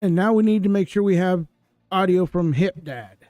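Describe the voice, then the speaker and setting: Man, high voice, dry close sound, glitching looping audio, mic check. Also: moderate pace, mellow, dry recording, faint music behind. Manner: mic check, asking if he can be heard. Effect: glitching audio stuck repeating in a loop. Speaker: host. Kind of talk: casual live-stream chat.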